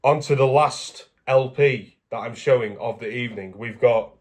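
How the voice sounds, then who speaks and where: A man from England talks casually to camera in his vlog, rambling, chatty, and correcting himself as he goes. His voice is medium in pitch and normal in speed.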